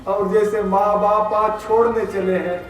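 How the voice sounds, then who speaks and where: A man with a very high voice tells a devotional story at an unhurried pace, swinging between soft pleading and shouting. He is heard from across a cavernous, echoing hall. Faint music plays behind him. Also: little pitch movement, far from the mic. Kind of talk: emotional devotional story sermon. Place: large echoing religious gathering, live.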